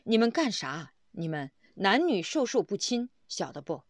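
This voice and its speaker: A woman's voice: medium pitch, very animated, moderate pace, no echo, clean studio sound. A woman voicing a stern old father who fires blunt, demanding questions in a retold story. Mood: scolding.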